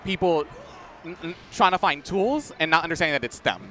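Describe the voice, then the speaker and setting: Bright, fast young male commentator. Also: fairly high pitch, expressive. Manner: thoughtful, explaining, easy laughter. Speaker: esports commentator. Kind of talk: casual match commentary.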